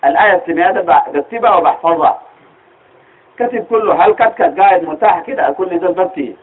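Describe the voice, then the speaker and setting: A Sudanese Arabic-accented man gives a religious lecture in a husky, fairly high voice. He explains patiently, often pausing to ask his listeners a rhetorical question. The sound is thin and tinny, as if over a phone line. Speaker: teacher of Quranic studies.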